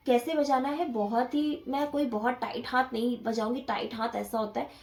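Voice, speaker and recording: A woman's voice: fairly high pitch, fairly even intonation, normal speed, creaky, a little mellow. A woman teaching the dholak step by step, patiently counting the beats aloud as she plays. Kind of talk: step-by-step music lesson. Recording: echoey room with dholak playing.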